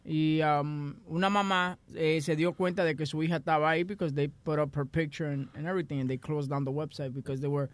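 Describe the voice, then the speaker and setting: A man's voice: on the high side, steady tone, a little fast, few pauses, no room sound. A man co-hosting a radio show, explaining things in a mix of Spanish and English. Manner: switches freely into English mid-sentence. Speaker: radio co-host. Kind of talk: casual studio banter.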